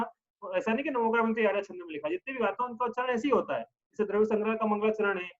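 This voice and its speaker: A man's voice: high voice, dull audio. A man giving a patient religious lesson, explaining step by step and often checking in with his listeners. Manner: chants verses slowly in a drawn-out tune. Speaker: religious teacher.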